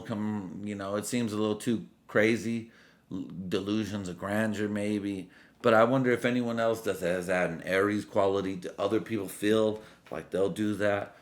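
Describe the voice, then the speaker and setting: A man in his late twenties on a drunk, loose, rambling casual solo rant, full of slang and swearing. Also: on the low side. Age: late 20s. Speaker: vlogger.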